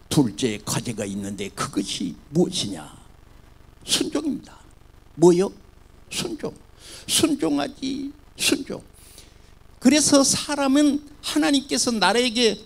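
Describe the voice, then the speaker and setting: A man delivers a sermon as the church's pastor. His voice sits fairly high and swings wildly from soaring cries to low murmurs. A gravelly rasp runs through his speech. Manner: animated preaching, swinging from loud cries to soft murmurs.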